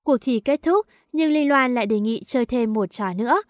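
Female audiobook narrator, somewhat high voice, dry booth sound, reads a teen story and does every character lightly. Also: normal speed, no room sound. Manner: reads dialogue of many characters in one lightly shifted voice.

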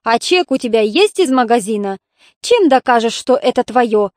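A woman's voice: on the high side, animated, moderate pace, darkish tone, no room sound, clean studio sound, close to an everyday voice. A woman reading the part of a nasty, greedy older woman who barks insults. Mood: hostile. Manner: barking, hostile.

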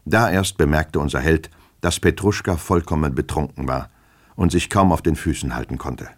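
Man reading a classic novel aloud, super deep voice, calm and measured. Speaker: narrator. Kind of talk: literary audiobook reading.

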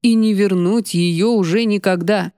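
A woman's voice: medium pitch, steady tone, measured pace, dark tone, no room sound, close to an everyday voice. A woman voicing a blustering middle-aged aunt who bellows and scolds, read on a close dry mic. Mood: bitter.

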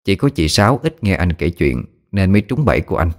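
Brief: folksy ghost-story narrator, male, very deep voice. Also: very animated, fairly quick.

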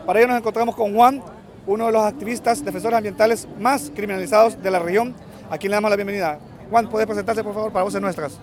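A man files a brisk radio report from a street march, talking quickly. His voice sits high for a man. Traffic passes in the background. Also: fairly even intonation. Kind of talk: field report and interviews.

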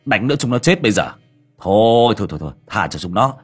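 A man's voice: on the low side, very animated, fast, slightly rough, faint music behind. A man voicing a young man who hurriedly coaxes and wheedles to stop a fight. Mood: wheedling. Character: young man, mocking peacemaker.

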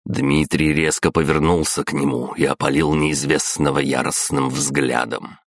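A male narrator with a very deep, low voice reads a fantasy novel in a steady, dramatic way. The recording is dry and close, with no room sound. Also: a little slow, no room sound. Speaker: audiobook narrator.

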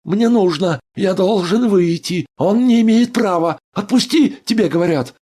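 A man's voice: deep voice, expressive, a little slow, darkish tone, slightly rough, heavily acted. A man voicing a frightened male doctor, confined and pleading in a trembling voice. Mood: frantic demanding.

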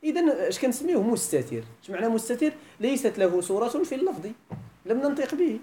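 Animated Moroccan woman teaching grammar. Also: a little high, fast talker. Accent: Moroccan Arabic. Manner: quizzes the class with frequent questions. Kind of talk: classroom grammar lesson.

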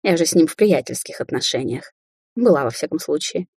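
Woman voicing a scornful young witch daughter, husky, storybook read. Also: low voice, expressive, brisk, a little mellow, no room sound, studio quality, full character voice. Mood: cold. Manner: sarcastic, taunting. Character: young adult woman sorceress, mocking daughter. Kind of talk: audiobook character voicing.

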